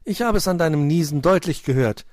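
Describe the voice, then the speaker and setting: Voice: medium pitch, animated, a little fast, darkish tone, dry recording, studio quality, voice pushed up, close to an everyday voice. A man voicing a cheerful rabbit who teases his friends. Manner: cheerful, teasing.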